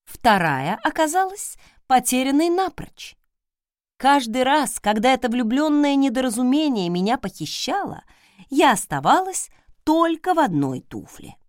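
A woman reading a first-person fantasy story aloud, acting out the characters' lines with lively storytelling. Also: high-pitched, a little slow, no echo, studio quality. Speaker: audiobook narrator. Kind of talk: first-person audiobook narration with acted dialogue.

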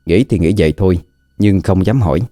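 A man narrating a scripted horror story in a slow, dramatic, suspenseful way. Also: low voice, mellow, no echo.

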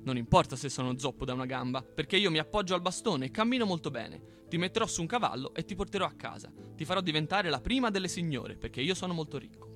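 A man's voice: animated, fast, hardly any pauses, faint music behind. A man reading a folk tale aloud, putting on the raised, pleading voice of a stubborn boastful old man. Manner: loud, pleading, high-pitched put-on.

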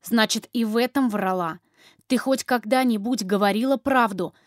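A woman's voice: a little high, normal speed, no room sound, studio quality, natural voice. A woman reading the part of a domineering, vengeful young husband who speaks in a harsh, mocking way. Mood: angry.

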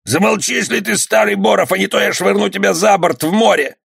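A man putting on a high sneering one-eyed pirate. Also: fairly quick, gravelly, fairly bright tone, slightly rough, dry recording, clean studio sound, heavily acted. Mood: menacing. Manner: threatening, sneering. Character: gruff one-eyed male pirate bully.

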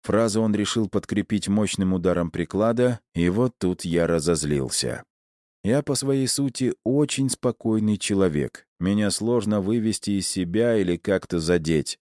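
A man narrating a first-person audiobook in a measured, wry storytelling manner on a close studio mic. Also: lowish voice, a little mellow, no room sound.

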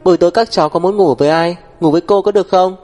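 A man voicing a lively young woman who coaxes small children, in a storybook reading. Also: high voice, racing, soft background music, pitched above the performer's own voice, natural voice. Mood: coaxing.

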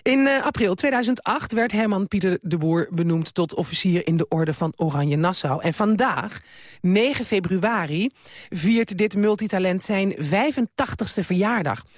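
A woman's voice: mid-range voice, expressive, moderate pace, no room sound, clean studio sound. Woman hosting a radio programme. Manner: light, wry asides. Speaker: radio host. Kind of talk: scripted radio presenting.

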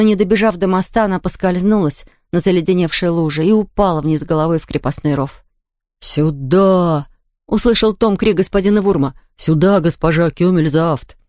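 A woman reading a children's ghost story aloud as an audiobook narrator, with steady storytelling. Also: lowish voice, no echo, studio quality. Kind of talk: scripted narration.

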